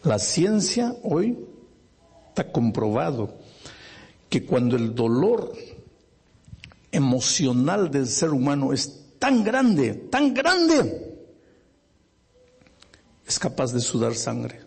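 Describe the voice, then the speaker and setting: A man preaching a sermon, with dramatic, emphatic storytelling and a husky voice. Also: mid-range voice, sing-song, takes it slowly, pauses often, a little mellow.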